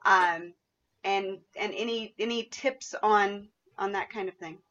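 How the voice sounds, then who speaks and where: A woman's voice: mid-range voice, steady tone, measured pace, fairly bright tone, dull audio. A woman hosting a podcast interview in a conversational, effusive and appreciative way. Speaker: podcast host.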